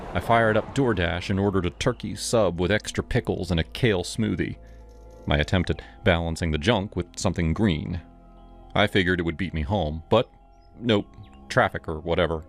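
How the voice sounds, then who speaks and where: A man with a very deep, low voice narrates a horror story in first person, steady and measured. Faint music plays behind him.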